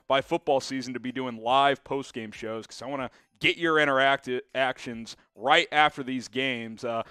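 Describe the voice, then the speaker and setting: Young guy hosting a live sports stream, smooth clear voice, dry sound, chatty and upbeat. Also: mid-range voice, no echo. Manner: energetic, chatty, many fillers. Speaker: sports show host. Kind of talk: live-stream sports talk, reading viewer chat.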